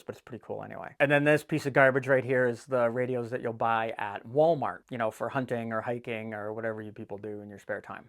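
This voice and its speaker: The host of a boating DIY channel, a man with a mid-range voice, talks straight to viewers from an indoor office in a casual instructional vlog. He's folksy, blunt and irreverent, joking and swearing as he goes.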